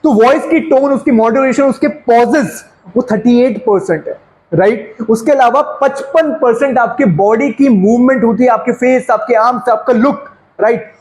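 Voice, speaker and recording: High-pitched, energetic male sales coach. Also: rough recording. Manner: energetic, fast and conversational, mixing English phrases. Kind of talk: sales training lecture.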